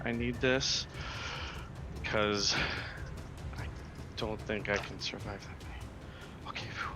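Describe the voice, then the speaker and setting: A man's voice: lowish voice, fairly even intonation, takes it slowly, over music. A man playing a tabletop role-playing game, chatting casually and describing his character's moves.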